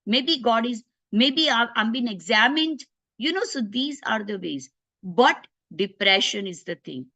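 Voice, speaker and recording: A woman's voice: fairly high pitch, expressive, pushed and bright. A woman physician giving an informal health talk, explaining patiently and voicing what patients might think to themselves. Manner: unhurried and explanatory, voicing patients' inner thoughts.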